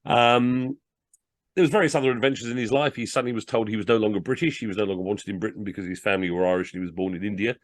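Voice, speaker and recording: A low-voiced man telling comic tales and chatting about books. He reads with animated jumps into voices and chuckles. The sound is dry and close. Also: very fast, dry recording. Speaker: storyteller. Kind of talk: story reading and casual commentary.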